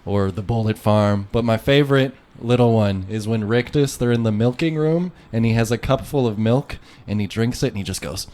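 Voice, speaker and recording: A man's voice: mid-range voice, normal speed, few pauses, darkish tone. A man co-hosting a podcast, talking casually with dry, skeptical asides. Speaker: podcast co-host. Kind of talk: casual chat.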